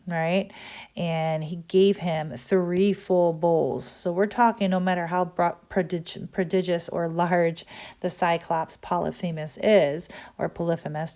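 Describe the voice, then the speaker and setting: A woman's voice: sits low, a little mellow. Woman teacher walking through a text. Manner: explanatory, many "um"s and "right?" checks. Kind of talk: recorded literature lesson.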